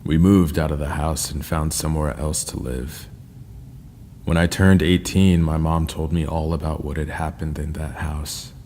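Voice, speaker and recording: A man narrating scary first-person stories in a slow, ominous storytelling manner. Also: rumbling low, steady tone, darkish tone. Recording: long reverb with faint ambient noise.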